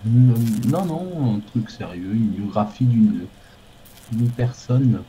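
A man chatting casually over a voice call, hesitant and halting, often restarting his sentences. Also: mid-range voice, sing-song, warm tone, a little hiss or hum, low-quality recording. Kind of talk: casual chat.

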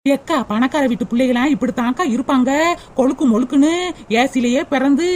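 A woman's voice: high voice, steady tone, a little fast, darkish tone, slight background noise, close to an everyday voice. A woman voicing a tall, gossipy village woman in a cartoon, chatting with a southern Tamil Tirunelveli accent.

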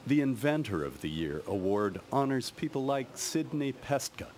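A man's voice: mid-range voice, expressive, normal speed, darkish tone, a little hiss or hum. An American man narrating a scripted science news report as a correspondent.

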